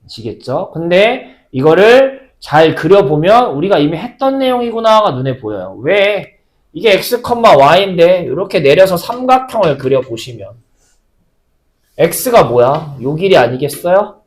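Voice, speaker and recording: Lively male math teacher, quizzing style. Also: sits high, a little slow. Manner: lively, asks students questions and answers them himself. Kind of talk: recorded math lesson.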